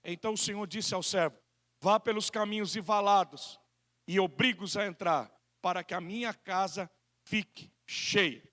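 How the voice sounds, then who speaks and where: A male pastor with a Brazilian Portuguese accent, preaching an animated sermon and acting out people's excuses in quoted voices. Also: sits high, moderate pace.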